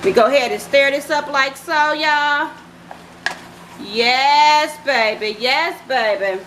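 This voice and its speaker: A high-voiced woman talks her viewers through a recipe in her home kitchen, calling them "y'all" and "baby." She takes her time, and the kitchen sounds roomy and echoey with steady noise behind her. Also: a little slow. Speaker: cooking channel host. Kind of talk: casual cooking vlog narration.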